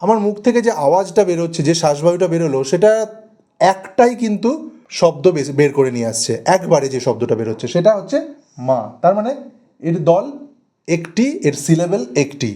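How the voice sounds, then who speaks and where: Preparing students for exams, a male grammar teacher from West Bengal speaks in a Bengali-accented voice that is fairly high, animated and dark. He goes slowly and carefully, saying example words again and elongating them.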